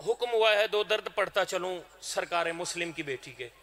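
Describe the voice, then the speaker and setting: A man's voice: sits high, normal speed, fairly bright tone. A man with a Pakistani Urdu accent, reciting a mournful majlis elegy with a rising, wailing delivery and voicing the grieving girl and her mother. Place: mosque hall with a mourning crowd. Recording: echoey hall, crowd noise.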